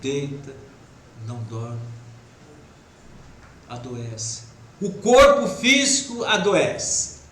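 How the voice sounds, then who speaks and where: A man with a Brazilian Portuguese accent giving an informal spiritist talk, acting out everyday speech in quick quoted asides. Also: medium pitch, sing-song, fairly bright tone. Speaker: spiritist lecturer. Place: spiritist center hall. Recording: echoey room with faint noise.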